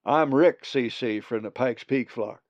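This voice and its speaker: Guy putting on a drawly raven dude, friendly, gravelly voice, dull audio. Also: medium pitch, level tone, measured pace, no room sound. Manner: peculiar drawl. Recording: dull dry lo-fi recording.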